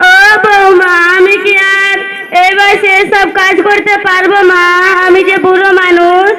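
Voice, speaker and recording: A woman's voice: very high voice, level tone, measured pace, a loud crowd, poor audio. A woman playing a frail pleading old mother-in-law. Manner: plaintive, wailing lament. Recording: loud background noise.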